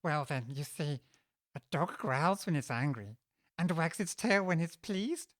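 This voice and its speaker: Brief: male actor as a teasing, grinning cat, slow drawl, swooping pitch, chuckles, dry booth. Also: expressive, dry recording. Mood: amused, teasing. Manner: chuckles between lines, drawling and playful. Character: grinning, teasing Cheshire Cat, sly and amused. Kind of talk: full-cast audiobook acting.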